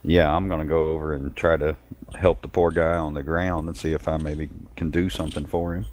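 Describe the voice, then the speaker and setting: A man with a very deep voice plays at a tabletop game, asking slow and careful questions. A faint noise hangs under his voice, with the odd click. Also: flat delivery, darkish tone. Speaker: player. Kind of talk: casual tabletop play.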